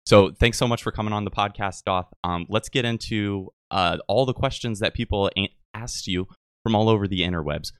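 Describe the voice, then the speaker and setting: Young male podcast host, very low voice, dry close sound, jokey, halting delivery. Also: a bit bright, clean tone, no echo. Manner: joking, halting, many restarts and "uh". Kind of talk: casual podcast interview.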